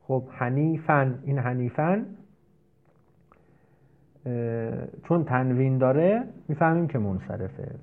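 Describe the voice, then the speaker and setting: A man's voice: mid-range voice, long pauses. A man teaching an Arabic grammar lesson. He explains step by step and asks and answers his own questions. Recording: tinny phone-like audio.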